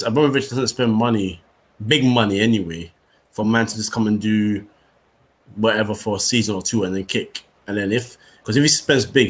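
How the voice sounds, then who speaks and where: A man on a football podcast over a remote call, giving opinions in long rambling explanations. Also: fairly low pitch. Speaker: podcast co-host. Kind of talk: casual football chat.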